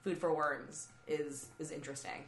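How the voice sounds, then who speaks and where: A woman's voice: low-pitched, fairly even intonation, moderate pace, creaky. A young woman co-hosting a casual music podcast, chatty with frequent ums and likes. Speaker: podcast co-host. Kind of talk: casual chat about music. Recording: echoey room.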